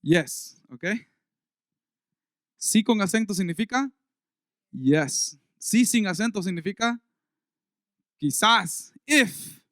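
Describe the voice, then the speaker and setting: A pastor preaching a conversational sermon in a church service, reading scripture aloud with rising emphasis. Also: male voice, sits high, animated, slow, long pauses, fairly bright tone, no echo, studio quality.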